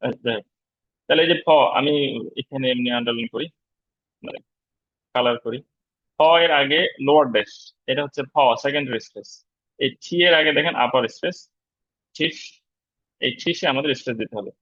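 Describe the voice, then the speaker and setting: A man teaching an online spoken-English class in a relaxed, explanatory way, pausing often on fillers. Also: mid-range voice, no echo, highs cut off. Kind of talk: online lecture on pronunciation. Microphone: video call.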